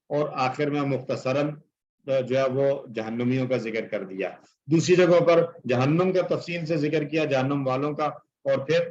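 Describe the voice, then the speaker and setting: A man's voice: mid-range voice, lo-fi sound, a little hiss or hum. A male teacher giving an explanatory lecture, reciting Arabic verses and translating them, with many filler phrases.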